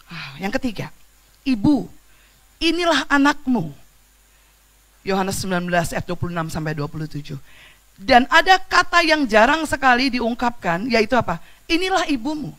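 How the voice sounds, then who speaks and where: A woman preaching a sermon in church, casual and lively, swinging between loud exclamations and quiet storytelling, with slang and questions to the congregation. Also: medium pitch, a little fast.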